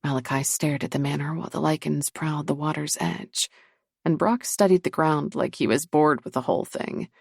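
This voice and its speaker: A woman narrating a paranormal romance audiobook in a measured, steady reading. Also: sits low, creaky, breathy edge, dry recording, clean studio sound. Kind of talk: scripted narration.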